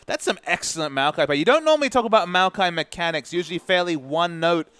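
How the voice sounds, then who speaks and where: Analytical male esports caster, slightly high. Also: lively intonation, fast, fairly bright tone, smooth, no room sound. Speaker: esports commentator. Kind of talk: play-by-play esports commentary.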